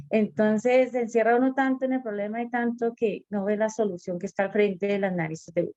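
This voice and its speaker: A woman's voice: medium pitch, steady tone, a little fast, dark tone, no room sound, highs cut off. A woman co-hosting a sermon program, reflecting earnestly and repeating her points. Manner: earnest, repetitive, quotes God directly.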